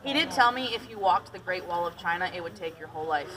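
A fast-talking woman with a fairly low, expressive voice leads a boat tour on an underground cave lake, giggling and joking through her stories. She comes from Detroit, Michigan, and spent part of her upbringing in Tennessee. A passenger's camera records her from afar, picking up crowd noise and chatter.

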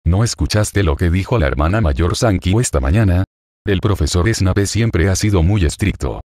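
A calm, kind young student wizard, read by a man with a deep voice. He reassures in an even, steady tone. The recording is dry and close. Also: normal speed, no room sound. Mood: reassuring.

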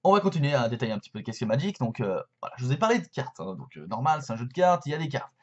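A young man in his twenties talks casually to a webcam in his bedroom, which has shelves, explaining a card game with plenty of hesitations and fillers. His medium-pitched voice is very animated, rapid-fire and a little mellow, though the recording's highs are cut off. It's a casual explainer vlog made to camera indoors.

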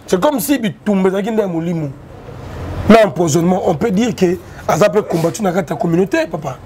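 A man's voice: sits high, animated, fairly quick, warm tone, slight background noise. A man, interviewing a guest with probing questions and calling him papa. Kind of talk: interview mixing French and Lingala.

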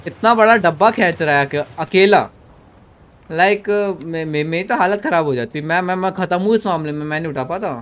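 A young man with a fairly high voice streams a horror game at home into a desk mic. He jokes and trash-talks in a mix of Hindi and English, and shouts at the on-screen character. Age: young adult. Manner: joking, switching between Hindi and English, yelling at the game character. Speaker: gaming streamer. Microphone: desk microphone.

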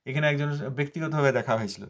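A man's voice: fairly high pitch, quick pace. Man preaching with emphatic repetition. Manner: emphatic, repetitive, asks and answers his own rhetorical questions. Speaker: spiritual teacher expounding scripture. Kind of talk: devotional sermon.

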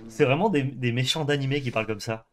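A young man with a medium-pitched voice and quick pace co-hosts a card game stream. He chats casually, swearing and laughing often.

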